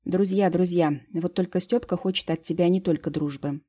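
Woman playing a bossy fairy sister, teasing, emphatic, husky, dark, storybook voice. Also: on the low side, steady tone, moderate pace, lightly acted. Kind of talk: audiobook character reading.

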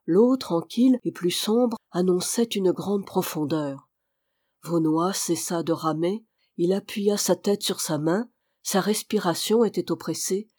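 A reader narrating a classic adventure novel in a measured, even storytelling voice. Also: mid-range voice, no echo. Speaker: audiobook reader. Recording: dry, close recording.

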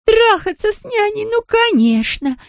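A woman's voice: very animated, a little slow, no room sound, clean studio sound, full character voice. A woman reading an audiobook, voicing a drunk, jealous glamorous woman who slurs and shrieks. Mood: drunken shrill. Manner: slurred, shrill, screaming.

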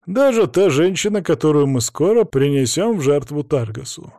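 A man voicing a calm, menacing masked cult leader who speaks coldly and dryly. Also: a little high, no room sound. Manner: dry, cold, unhurried.

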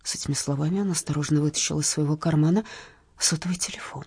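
A woman reading a first-person audiobook in a lively, expressive way. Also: deep voice, fast talker, husky, no room sound, studio quality. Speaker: audiobook reader.

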